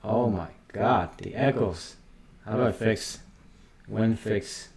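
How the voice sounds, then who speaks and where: A man's voice: lowish voice, takes it slowly, darkish tone. A man hosting a casual livestream, chatting to viewers while his mic carries a heavy doubled echo. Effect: heavy doubled room echo on the mic. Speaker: livestream host. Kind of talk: casual live chat with viewers.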